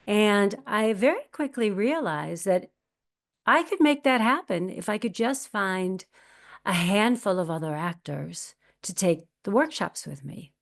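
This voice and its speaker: An actress in her fifties tells her story in a candid, reflective interview, quoting her own past thoughts. Her medium-pitched voice is gravelly and animated, and she speaks a little slowly.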